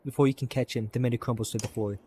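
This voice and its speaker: A man narrating a game's story text in a quick, hushed reading. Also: medium pitch, fairly even intonation, a little hiss or hum. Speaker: let's play narrator. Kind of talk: reading game text aloud.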